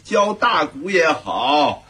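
A man's voice: on the high side, very animated, slow, pushed and bright, husky, heavily acted. An actor playing an older family patriarch in a sitcom, lecturing his family in lofty slogans with hesitant fillers. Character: pompous old man who moralizes to his family. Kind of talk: sitcom acting.

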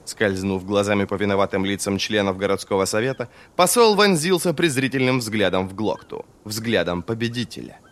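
A man narrating an audiobook in a measured, expressive reading. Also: on the low side. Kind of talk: scripted narration.

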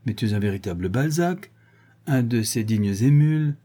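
A man reading a mocking, sharp-tongued young officer. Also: mid-range voice, expressive, moderate pace, lightly acted. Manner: teasing, sarcastic.

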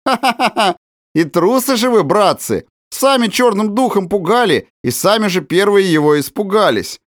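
A man's voice: high voice, very animated, moderate pace, no room sound, clean studio sound, pitched above the performer's own voice. A man voicing a cheerful teenage prankster with a ringing laugh who teases his friends, in an audiobook. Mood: merry teasing. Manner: laughing, teasing. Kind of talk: audiobook character voice.

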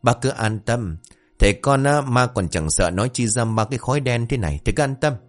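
A man's voice: medium pitch, expressive, fairly quick, soft background music, close to an everyday voice. A man voicing two foolish young male apprentices who plead and panic over their master. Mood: eager, anxious.

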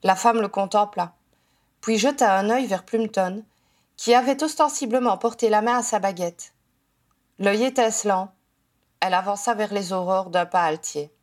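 A woman narrating fan fiction in an even, measured reading voice. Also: mid-range voice. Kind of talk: audiobook narration.

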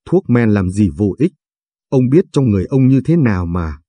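A man voicing a frail, dying old grandfather in a storybook reading, weary and gently teasing. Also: lowish voice, sing-song, moderate pace, husky, no room sound. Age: older.

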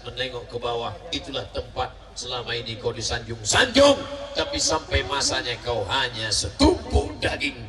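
A man preaching a sermon at a large gathering, animated and theatrical, shouting at climaxes and acting out voices. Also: mid-range voice. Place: large outdoor religious gathering. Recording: echoey, distant, noisy crowd ambience.

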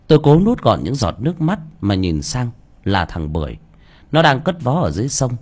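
A man reads a first-person audio story with expressive, lively intonation. His voice is husky and sits in a middle pitch. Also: fairly quick. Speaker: audiobook reader.

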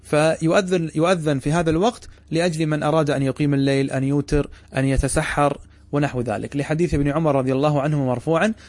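A man lecturing a class as a religious teacher at a brisk clip, in a fairly high voice. He tosses questions at his listeners and answers them himself. The sound is dry and close. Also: fairly even intonation, a little mellow, dry recording.

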